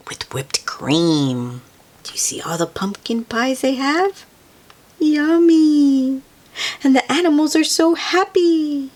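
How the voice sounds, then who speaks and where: In a high voice, a female host reads a picture book to young children with expressive, sing-song flair. She poses questions to the listener and lets out soft exclamations.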